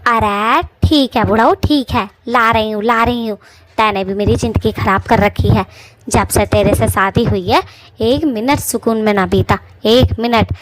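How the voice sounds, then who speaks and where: A woman's voice: measured pace, no echo, natural voice. A woman voicing a quarrelsome, nagging bald witch wife in a cartoon. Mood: angry nagging. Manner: shrill bickering, insulting. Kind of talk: cartoon voice acting.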